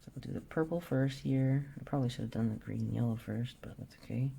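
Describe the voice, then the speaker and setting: An art vlogger in her forties talks quickly in a rumbling low, creaky, slightly rough voice during a casual drawing session. Relaxed, she muses to herself about colors and leaves sentences hanging.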